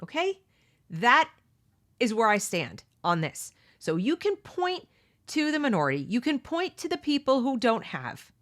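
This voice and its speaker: Speaking a little slowly in a sing-song way, a middle-aged woman leads a read-along book discussion full of opinionated commentary and rhetorical questions. She imitates others mockingly with high, exaggerated voices.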